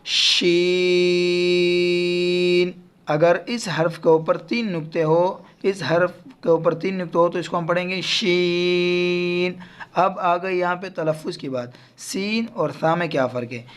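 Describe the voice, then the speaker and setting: Children learn Quran letter pronunciation from a man with a Pakistani Urdu accent and a high voice with fairly even intonation. He stretches out every letter sound between his explanations.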